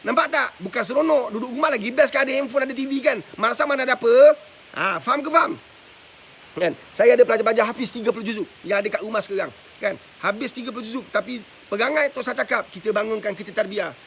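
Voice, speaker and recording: A man's voice: extremely high pitch, fast, vocal fry, fairly bright tone, slight background noise. A man, a madrasah religious teacher giving parenting advice on a live stream, preachy and forever asking his listeners whether they understand. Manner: preachy, keeps asking rhetorical questions. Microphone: live stream mic with faint hiss.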